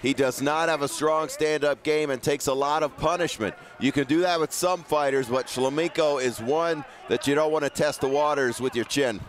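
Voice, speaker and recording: A man's voice: on the high side, fairly even intonation, moderate pace, hardly any pauses. A man giving conversational fight analysis as a colour commentator.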